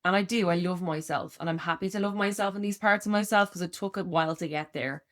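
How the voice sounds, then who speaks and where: Podcast co-host, woman in her thirties, loud giddy delivery, slightly low voice, laughs a lot. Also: fast talker. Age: 30s. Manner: candid, laughs often, acts out quoted voices. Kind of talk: casual chat.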